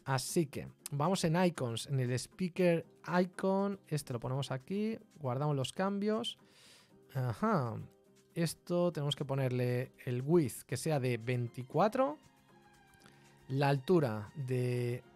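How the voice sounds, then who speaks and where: A man with a Spain Spanish accent giving a casual live-coding tutorial, chatty and quick to laugh and swear in surprise. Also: on the high side, a little mellow, no echo. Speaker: programming streamer.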